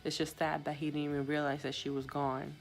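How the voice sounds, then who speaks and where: A young woman with a low-pitched voice tells a sad work story in a casual vlog. She talks in a subdued way, with lots of fillers, into her phone. Faint music plays behind her. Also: flat delivery, brisk, creaky, low-quality recording. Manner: chatty, filler-heavy, subdued. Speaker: hospital patient sitter.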